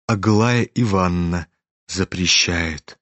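Man doing a gentle young prince, low, quiet, earnest, slow, dry sound. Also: no echo. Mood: hushed. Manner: soft, hushed and earnest. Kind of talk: audiobook character voice.

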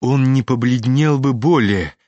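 A man's voice: medium pitch, a little slow, a little mellow, no echo, muffled recording. Man narrating a classic novel, dry close sound. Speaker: audiobook narrator. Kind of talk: literary audiobook narration.

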